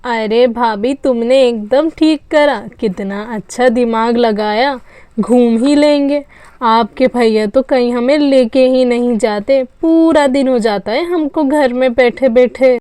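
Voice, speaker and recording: A woman's voice: fairly high pitch, slow, warm tone, smooth, no echo. A woman voicing a gushing young housewife. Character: excited young housewife, gossipy and curious.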